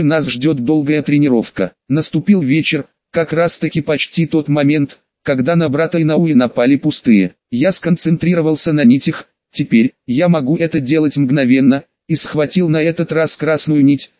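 A man narrating a first-person audiobook in a plain, steady reading voice, voicing the lead's outbursts with exclamation. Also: a little high, normal speed, few pauses, no room sound. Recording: dull, muffled dry recording.

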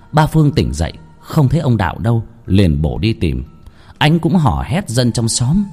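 A man narrating a ghost story at an unhurried, dramatic pace. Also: on the low side, dark tone, husky.

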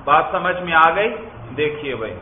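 Male religious-law teacher, higher-pitched voice, patient step-by-step explainer; tinny phone-like audio in a roomy space. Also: animated, slight background noise. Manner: reads Arabic text, then explains step by step; asks questions and answers them himself. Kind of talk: classroom lecture. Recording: tinny phone-like echoey room.

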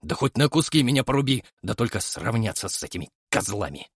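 A man's voice: lowish voice, big pitch swings, brisk, breathy edge, no echo, clean studio sound. A man doing a weary, hulking bald bruiser. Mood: fervent. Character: huge bald brute of a man, weary yet fierce.

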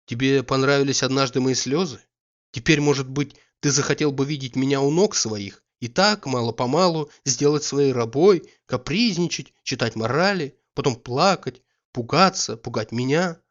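A man's voice: medium pitch, moderate pace, dull audio, close to an everyday voice. A man voicing a proud, hurt young noblewoman who speaks coolly and with reproach.

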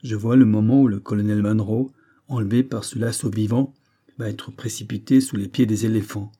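A man narrating a classic adventure novel as an audiobook, in a steady, measured storytelling manner. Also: lowish voice.

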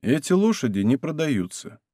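A man's voice: on the high side, big pitch swings, normal speed, mellow, no room sound, clean studio sound. A man voicing a wary stable lackey who answers tersely in a subdued voice. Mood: guarded.

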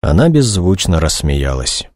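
A man narrating an audiobook in a steady, measured reading. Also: sits low, dry recording, studio quality.

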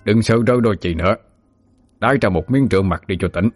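A stern old ghost-hunter barks coarse threats in a husky, low voice, as a male storyteller puts him on. Faint music plays under this spooky audio story. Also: quick pace, close to an everyday voice.

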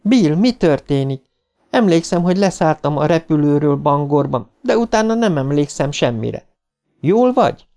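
A man putting on a dazed, high-voiced grown woman. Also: creaky. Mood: bewildered. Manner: high, excited voice with urgent questions. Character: dazed, frightened adult woman, breathless and laughing. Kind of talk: audiobook character voice.

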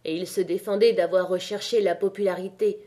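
A woman narrating a classic novel as an audiobook, in a measured, expressive way. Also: fairly low pitch. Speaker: audiobook reader.

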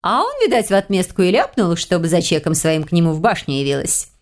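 A woman's voice: on the low side, big pitch swings, quick pace. A woman voicing a sarcastic, gossipy lizard woman healer who hisses and mocks, in an audiobook. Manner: hissing, mocking, exclaiming.

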